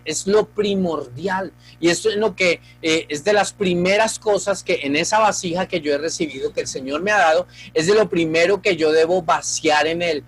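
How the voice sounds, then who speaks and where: A man's voice: high-pitched, a bit bright, poor audio. A male pastor preaching a sermon, earnest and speaking straight to the congregation.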